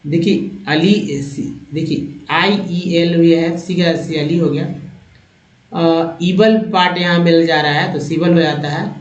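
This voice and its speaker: Slow, echoey male teacher. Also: fairly high pitch, darkish tone. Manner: reads word lists slowly, repeating each word. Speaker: English teacher. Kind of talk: slow word-by-word reading lesson. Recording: echoey, dull lo-fi room sound.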